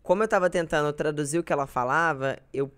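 A woman's voice: sits low, fast talker, smooth. A young woman from Brazil, chatting casually as a podcast guest and telling self-deprecating stories. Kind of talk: casual chat.

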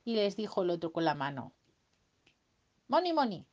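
A woman's voice: on the low side, expressive, quick pace, a little mellow. A woman improvises a bedtime story for a child, full of playful sound effects and silly sung bits. The recording is dull and lo-fi, like a home device.

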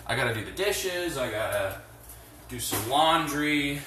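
A man hosts a podcast on his phone, held away without a headset, while doing chores at home, ranting bluntly and profanely in a casual, rambling way packed with fillers. His mid-range voice has lively intonation and a sharp tone, unhurried, and echoes around the room over slight background noise from the distant mic.

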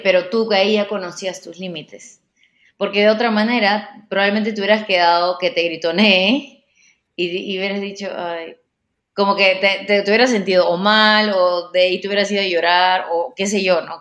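A woman's voice: medium pitch, fairly bright tone, roomy sound. A woman giving relationship advice in a casual, explanatory way, often repeating words as she thinks.

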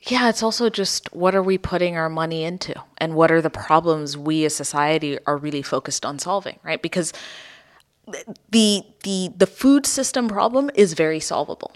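A woman's voice: sits low, normal speed. A woman from Ethiopia, a company founder, explaining her work in a podcast interview and often adding "right?".

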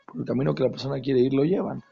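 A man teaching a religious lesson to an audience, stressing his points by repeating phrases and dropping into hushed asides. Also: mid-range voice, fairly even intonation, racing, creaky, husky, soft background music. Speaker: Torah teacher. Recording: dull lo-fi recording.

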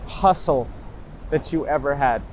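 A man's voice: medium pitch, a little slow, darkish tone, slight background noise. A man hosting an interview outdoors, asking curious, probing follow-up questions in a casual tone. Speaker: interview host. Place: outdoors in a city with traffic nearby.

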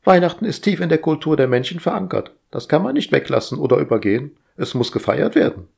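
Man putting on a shrill fussy household AI woman. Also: big pitch swings, fast, gravelly, a little mellow, slightly rough, heavily acted. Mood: prim scolding. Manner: prim, scolding and pedantic.

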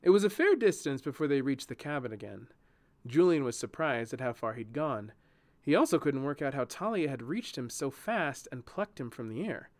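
Lively male fantasy audiobook narrator. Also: medium pitch, normal speed. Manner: expressive, lively reading. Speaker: storyteller and channel host.

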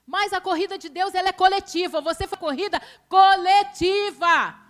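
At a church service, a Brazilian-accented woman gives an informal, playfully teasing sermon, moving between loud passages and hushed ones. Her voice is extremely high-pitched and her pace moderate.

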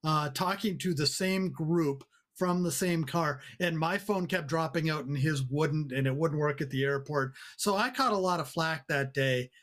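Higher-pitched man, teasing and wry. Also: normal speed, hardly any pauses, fairly bright tone. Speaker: podcast co-host. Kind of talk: casual comic chat.

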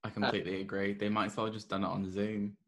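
A man's voice: fairly low pitch, flat delivery, fast talker, a bit bright, a little hiss or hum. A man hosting a podcast in a casual, conversational way. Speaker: podcast host.

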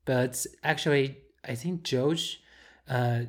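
A woman from Taiwan with a very deep voice speaks slowly as a podcast co-host in a casual chat about films. She giggles, mixes up names, and repeats words.

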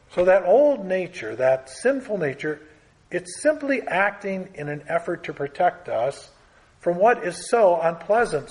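A man preaching a Bible teaching sermon in an earnest, emphatic way, building through lists and pressing key words. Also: a little high.

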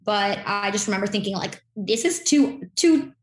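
A woman's voice: medium pitch, animated, normal speed. Young woman guest, casual rambling chat, lots of "like", roomy echoey sound. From Miami, Florida. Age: young adult. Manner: rambling, filler-heavy, chatty. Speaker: guest, incoming podcast host.

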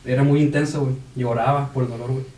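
A man's voice: medium pitch, steady tone, quick pace, warm tone. Slangy young Mexican man, echoey room. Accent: Mexican Spanish. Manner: slangy, swearing storyteller. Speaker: podcast guest. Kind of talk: casual podcast chat. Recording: echoey room, crowd noise behind.

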